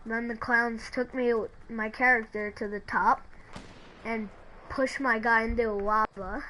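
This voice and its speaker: A woman telling a creepy story in a halting, hesitant way, often restarting her sentences. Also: on the high side, fairly even intonation, sharp tone, slight background noise, rough recording. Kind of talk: creepypasta narration.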